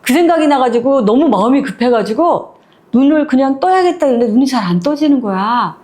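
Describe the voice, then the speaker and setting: A woman casually retelling a short story to her listeners, lively and acting out the characters' lines as she goes. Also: on the high side, fairly quick.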